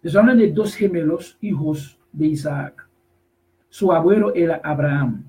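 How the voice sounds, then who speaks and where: Preacher guy, high voice, keeps repeating himself, gets loud on the big words. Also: far from the mic, a little hiss or hum, low-quality recording. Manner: emphatic, repetitive, rises to shouts on key phrases; slow deliberate reading of scripture verses. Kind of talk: sermon.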